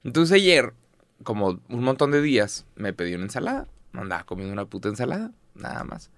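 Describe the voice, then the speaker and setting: A man's voice: medium pitch, big pitch swings, a little fast, no room sound. A man with a Mexican accent, co-hosting a podcast in casual, slangy chat and telling a story with a lot of swearing. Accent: Mexican Spanish. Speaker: podcast co-host.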